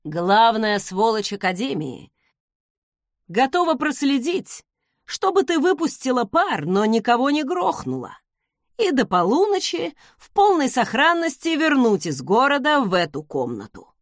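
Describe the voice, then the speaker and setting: A woman's voice: fairly high pitch, very animated, unhurried, dry recording, studio quality. A woman reading the lines of a smug, charming young male academy student who teases with ironic remarks. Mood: teasing. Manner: teasing, ironic.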